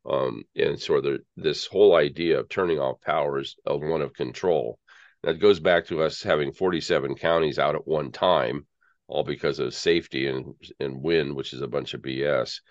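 Very deep-voiced American man on a conspiratorial rant. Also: moderate pace, no echo. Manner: earnest conspiratorial rambling rant. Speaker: interview guest. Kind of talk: conversational political commentary. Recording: dull lo-fi audio.

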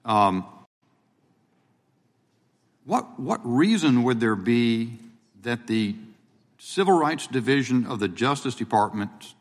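A man questions a witness in a deliberate, formal way, his voice sitting at an ordinary middle pitch. The audio is corrupted and glitchy, cutting in and out. A long reverb hangs over him from a large hearing room. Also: sing-song. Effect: corrupted glitchy audio that cuts out.

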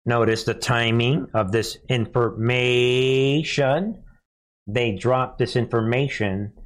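Hosting a live political commentary show, the American man repeats lines for effect and sounds emphatic and mocking. His mid-range voice stays steady and slow.

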